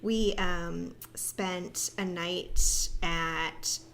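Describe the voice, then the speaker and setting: A woman from the American Northeast, co-hosting a podcast and telling animated stories in casual chat, often laughing. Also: fairly low pitch, drawn-out words, a little hiss or hum. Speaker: podcast co-host.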